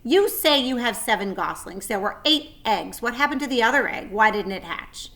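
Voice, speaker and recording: A woman voicing a sly, snappish male barn rat with a sharp, needling voice in a storybook reading. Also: fairly high pitch, animated, normal speed. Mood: suspicious, needling. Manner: snarling, needling.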